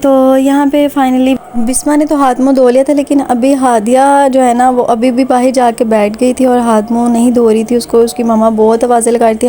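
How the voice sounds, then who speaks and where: A woman with a Pakistani Urdu accent talks over her family vlog, rambling along with plenty of conversational fillers. Her voice sits a little high and sounds soft and mellow. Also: slight background noise. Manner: chatty and warm-hearted, with frequent conversational fillers. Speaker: vlogger.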